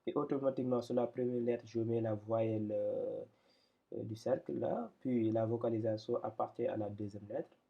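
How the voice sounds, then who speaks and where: A man teaching a lesson step by step, patient and hesitant, with many pauses and fillers. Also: fairly low pitch, creaky. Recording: dull lo-fi recording.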